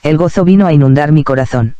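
A man calmly and reverently reading a first-person devotional memoir aloud as narrator. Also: on the high side, fast, clean tone, no echo, dull audio.

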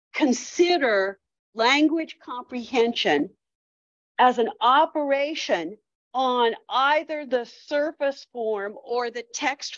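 A woman's voice: high voice, no echo, muffled recording. A woman giving an academic lecture, thinking aloud with frequent restarts and fillers.

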